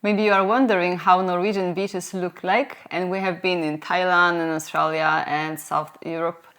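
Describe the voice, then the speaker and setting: A young woman co-hosting a vlog, speaking in a calm, measured way with occasional fillers. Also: on the low side, smooth. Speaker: vlog co-host. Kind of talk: casual conversational vlog chat.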